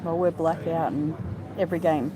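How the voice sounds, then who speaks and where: A woman in casual conversation, explaining things in a halting way with lots of filler words. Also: deep voice, fairly even intonation. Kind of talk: casual chat. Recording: clear background noise, off-mic.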